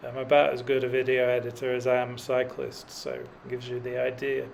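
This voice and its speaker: This is a cycling vlogger, a middle-aged man, talking his way up a mountain road with dry, self-deprecating commentary and plenty of fillers. The voice is gravelly, medium in pitch and monotone, a touch fast, with slight background noise.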